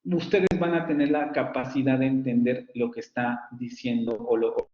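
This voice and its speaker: A man lectures on phonetics, pausing with filler sounds and repeating sample words to demonstrate them. His mid-range voice comes through a roomy space. The recording is muffled and lo-fi. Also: mid-range voice, warm tone. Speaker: university phonetics professor.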